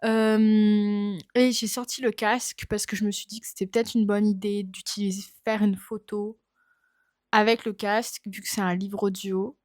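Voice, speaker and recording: A woman's voice: medium pitch, little pitch movement, normal speed, a little mellow, dry recording, studio quality. A young woman chatting casually about her books at home, thinking aloud with lots of fillers, filmed on her phone. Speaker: book vlogger. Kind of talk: casual chat. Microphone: phone camera.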